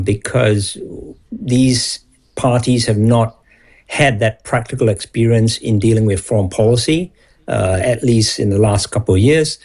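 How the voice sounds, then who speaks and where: Measured Singapore-raised man analysing policy. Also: medium pitch, darkish tone. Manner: measured, analytical, restarts on words. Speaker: guest expert on foreign policy. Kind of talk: broadcast interview.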